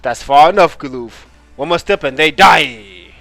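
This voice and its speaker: A man voicing a grandiose evil castle overlord from a video game with slow, theatrical menace. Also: fairly high pitch, gravelly, a bit bright, no echo, faint music behind. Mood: threatening.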